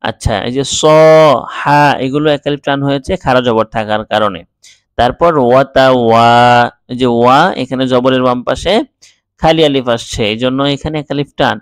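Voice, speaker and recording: A man teaching Quran reading, spelling out letters and vowel marks slowly and then explaining quickly. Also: medium pitch, clean tone, dry recording. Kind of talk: slow syllable-by-syllable recitation lesson.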